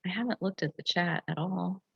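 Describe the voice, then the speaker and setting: Speaking fairly quickly in a low, gravelly voice with a breathy edge, the woman facilitates an astrology session on an online group call. Her teaching is casual and reflective, peppered with "like," and the call audio sounds dull and lo-fi.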